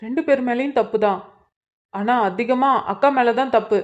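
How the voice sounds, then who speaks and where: A woman voicing an anxious young man in a cartoon, asking hurried, worried questions. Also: fairly high pitch, natural voice. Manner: rushed, fretful questions. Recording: dull lo-fi recording.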